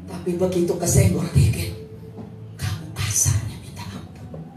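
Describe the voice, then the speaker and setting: A woman preaching a sermon, animated and full of stories, at times breaking into shouts. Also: lowish voice, moderate pace, music in the background. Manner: animated, storytelling, bursts into shouting. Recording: echoey hall, far from mic.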